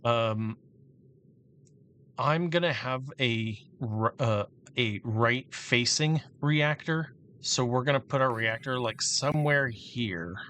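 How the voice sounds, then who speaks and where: A man giving casual, halting commentary while he plans a build in a game, thinking aloud with many restarts. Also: medium pitch, a bit bright, slight background noise. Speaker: gameplay commentator.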